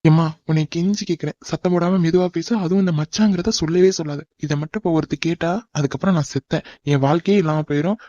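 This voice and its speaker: Tamil-accented man for a cartoon dub, fast and exasperated, dark mellow tone, dull lo-fi dry recording. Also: fairly high pitch, steady tone, no echo. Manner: exasperated and pleading. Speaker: voice actor in a cartoon. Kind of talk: animated cartoon dub acting.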